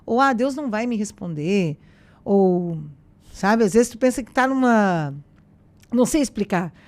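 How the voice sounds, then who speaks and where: A woman, a podcast guest sharing a personal faith testimony in a casual, animated way, acting out the dialogue she retells. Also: mid-range voice, measured pace. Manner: animated storyteller who acts out quoted dialogue.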